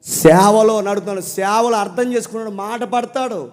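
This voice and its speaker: A man preaching a sermon with passion, swinging from loud declaiming to low confiding talk and repeating his phrases for emphasis. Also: steady tone, fairly quick, big-room sound.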